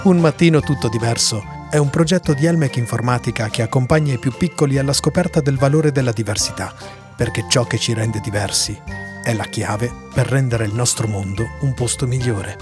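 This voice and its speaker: A man reads the closing announcement and credits in a plain, even voice of middling pitch. Clear music plays underneath him throughout. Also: fairly quick.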